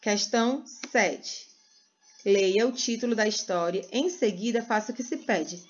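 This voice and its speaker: A Brazilian woman teaching first graders in a sing-song way, stretching words slowly for small children. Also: mid-range voice, lo-fi sound. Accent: Brazilian Portuguese. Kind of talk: teaching a recorded lesson to young children.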